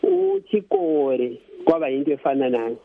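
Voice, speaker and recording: Animated Zimbabwean Ndebele man on tinny phone. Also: mid-range voice, moderate pace, dry recording. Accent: Zimbabwean Ndebele, close to Zulu. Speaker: radio phone-in caller. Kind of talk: impassioned political opinion in a phone-in. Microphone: telephone. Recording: tinny, narrow phone line.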